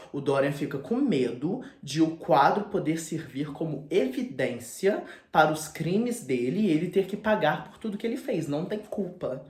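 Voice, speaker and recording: Casting: animated male book host retelling a story, echoey room. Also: on the high side. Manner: chatty, slangy, animated storyteller. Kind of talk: casual plot retelling. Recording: roomy echo.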